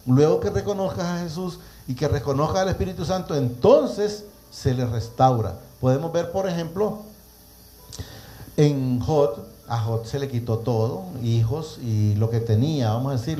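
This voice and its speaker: A man preaching a sermon, reading scripture aloud and often clearing his throat. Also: medium pitch, mellow.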